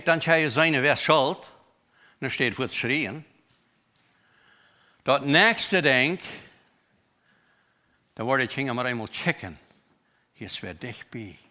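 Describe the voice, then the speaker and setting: A man preaching a sermon in a church, with a Low German accent, mixing German and English words into his talk in an emphatic way. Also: bright, forceful tone. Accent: Mennonite Low German.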